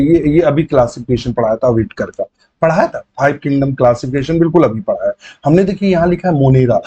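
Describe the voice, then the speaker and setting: A male biology teacher runs an exam-prep class, his voice pitched a little high yet mellow in tone. He explains step by step, repeats key terms and fills pauses with short hesitations as he writes. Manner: explains while writing, repeats key terms, many fillers. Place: online class setting.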